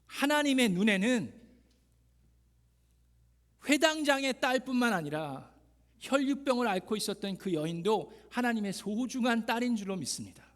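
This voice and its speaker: A man's voice: very high-pitched, expressive, normal speed, long pauses, a bit bright. A man preaching a sermon as pastor, telling the story dramatically and asking the congregation emphatic questions. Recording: long reverb of a church hall.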